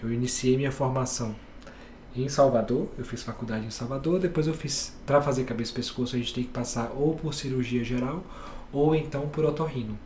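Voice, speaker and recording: A man from Bahia, a head and neck surgeon, calmly explaining his specialty step by step on a podcast. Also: medium pitch, fairly quick, echoey room, slight background noise. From Bahia, Brazil. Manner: calm, explains step by step with plain examples.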